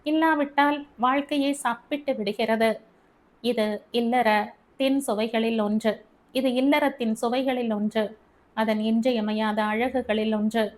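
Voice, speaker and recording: A woman reading an audiobook story, voicing a gentle, patient young wife who speaks softly and calmly to her husband. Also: fairly high pitch, measured pace, close to an everyday voice. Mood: gentle, pleading. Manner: soft, calm and pleading.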